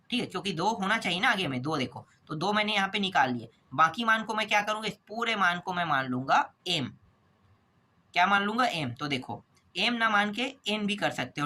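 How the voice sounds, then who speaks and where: A man teaching maths and walking through exam problems step by step. He keeps posing quick questions and answering them himself, checking in with a repeated "okay?". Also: sits high, pushed and bright.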